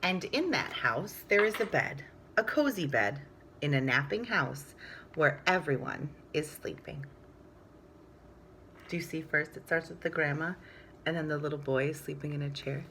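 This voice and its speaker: Her voice deep, a woman teacher reads aloud from a picture book for young children, with drawn-out sing-song phrasing, quiet hushed passages and asides that explain things. A slight hiss or hum sits in the audio.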